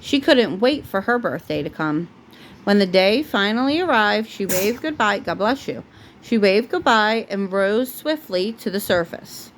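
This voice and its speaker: A mother reads a storybook aloud to her young child with an animated, medium-pitched voice at a measured pace, breaking off patiently whenever the child needs an answer. The home recording is low in quality and carries clear background noise.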